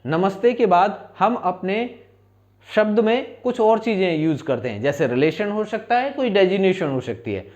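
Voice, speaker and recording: A man's voice: high voice, big pitch swings, normal speed, darkish tone. Man drilling greetings in a lo-fi lesson. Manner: repetitive, asks questions and answers them himself. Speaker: English teacher. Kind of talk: spoken-English lesson with call-and-repeat drills.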